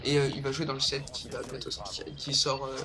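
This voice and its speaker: A man's voice: mid-range voice, flat delivery, fairly quick, crowd noise. A young man hosting a casual countdown vlog, hesitant, with lots of fillers and rambling asides. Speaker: vlogger. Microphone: low-quality home recording.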